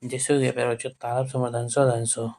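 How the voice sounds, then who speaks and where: Man, tutor type, even, flat delivery, drills definitions by repeating them. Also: mid-range voice, brisk, vocal fry. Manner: repetitive, keeps addressing students fondly and checking with "okay"; asks questions and answers them himself. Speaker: teacher. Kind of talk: board-exam grammar lesson.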